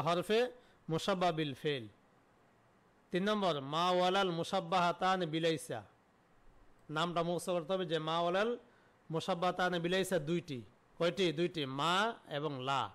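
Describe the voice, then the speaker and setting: A man teaches Arabic grammar online in a high, clear, smooth voice. He poses each question, answers it himself, and repeats the key terms.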